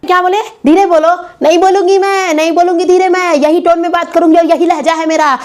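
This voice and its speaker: A woman playing a brash, loud-mouthed young wife who scolds and defies her husband in a comedy sketch. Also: extremely high pitch, flat delivery, rapid-fire, voice pushed up. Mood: defiant scolding.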